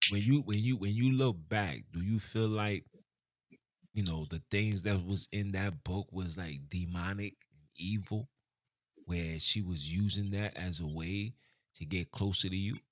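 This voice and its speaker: Deep-voiced man asking probing questions. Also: unhurried, dry recording, studio quality. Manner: probing questions, repeats his words. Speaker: host. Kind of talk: casual interview talk.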